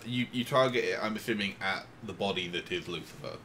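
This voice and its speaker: A man's voice: deep voice, brisk, noisy background. A man running a tabletop game as game master, narrating casually, teasing the players and swearing freely.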